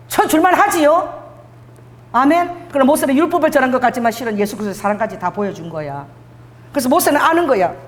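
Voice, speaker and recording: A high-pitched woman preaches to her church in a lively, animated way, breaking into acted quotes and quick asides. Her voice rings out with a long reverb off the hall. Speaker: pastor. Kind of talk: sermon. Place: church sanctuary.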